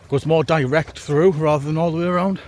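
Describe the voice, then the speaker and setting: A man's voice: fairly high pitch, fairly even intonation, fast, darkish tone. A man casually vlogging on a hike outdoors, talking in a laid-back, wry way. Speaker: hiking vlogger. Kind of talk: casual chat to camera while hiking. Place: outdoors on a wet, windy hiking trail. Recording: noisy, windy outdoor walking recording.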